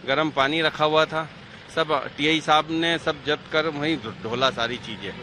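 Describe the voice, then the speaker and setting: A man, speaking as an eyewitness in an outdoor street interview, retelling events in a halting, agitated way with restarts. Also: fairly high pitch, sharp tone. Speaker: eyewitness who filed the complaint. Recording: faint street noise outdoors.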